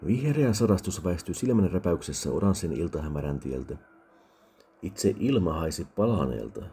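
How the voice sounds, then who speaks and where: A man reading a fantasy audiobook in a calm, soft ASMR narration style. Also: deep voice, a little hiss or hum. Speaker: audiobook reader.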